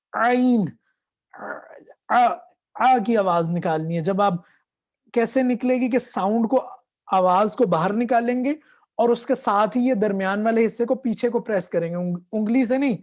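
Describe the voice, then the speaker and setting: A man's voice: high-pitched, a little mellow. Patient male teacher drawing out throat sounds. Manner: slow drawn-out demonstrations of throat sounds. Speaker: Quran reading teacher. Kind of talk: patient spoken lesson on letter sounds.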